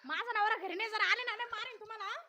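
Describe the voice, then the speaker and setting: A woman acting a sharp-tongued young village wife, scolding with quick retorts. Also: very high voice, no room sound, clean studio sound, heavily acted. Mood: irritated.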